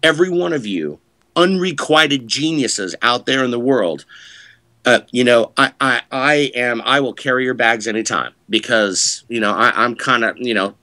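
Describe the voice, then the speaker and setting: A man's voice: mid-range voice, moderate pace, pushed and bright, no echo. A middle-aged man, a podcast guest, chatting in a rambling, self-mocking, wisecracking way. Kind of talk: joking podcast chat.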